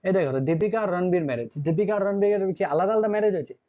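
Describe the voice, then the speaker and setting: A man's voice: high voice, animated, rapid-fire, mellow, muffled recording. A man teaching an English grammar lesson, constantly checking with his students through short questions.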